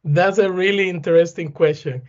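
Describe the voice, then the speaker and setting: A man's voice: high voice, steady tone, a little mellow. Man, dull lo-fi sound. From Cuba. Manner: earnest, halting, with many "uh" and "eh" fillers. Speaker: guest, plant pathology professor. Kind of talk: casual interview answers.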